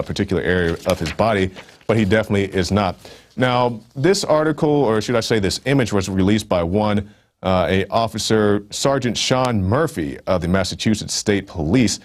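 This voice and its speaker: A male online show host giving emphatic news commentary, with casual asides and fillers. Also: on the low side.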